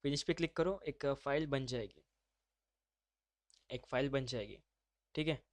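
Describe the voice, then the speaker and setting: A man runs a live online class, loose and informal, calling his students brother as he talks them through each step. His voice sits at a middle pitch with a dry, close sound from a computer mic. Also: unhurried, no echo. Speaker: instructor.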